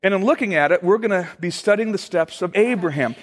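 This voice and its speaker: A middle-aged pastor with a high voice preaches a sermon in a conversational, storytelling style, pausing frequently.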